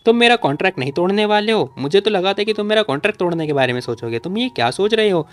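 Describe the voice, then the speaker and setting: A man reading the lines of a sly, scheming young woman in a low, hushed voice. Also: expressive, very fast.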